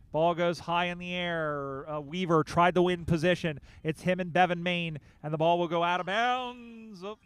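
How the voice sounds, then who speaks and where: A man giving live play-by-play commentary on a football match, calling the action quickly and getting louder on big plays. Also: high voice, smooth. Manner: rapid play-by-play, rising excitement on big plays. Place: outdoor sports field.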